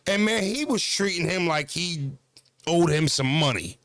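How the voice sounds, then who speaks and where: A man in his thirties with a fairly high, expressive and fairly bright voice speaks a little slowly in a casual vlog to camera. Having just left the gym, he talks battle rap and self-care, loose and profane, leaning on "you know what I mean," in echo-free studio quality.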